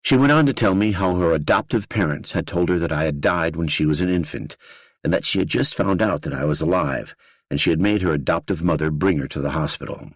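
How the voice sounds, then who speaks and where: A man with an extremely low, gravelly, husky voice tells a first-person true crime story for an audiobook. His delivery is blunt and gritty, with casual profanity. The sound is dry and close, with no room echo. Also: fairly quick. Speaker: audiobook narrator.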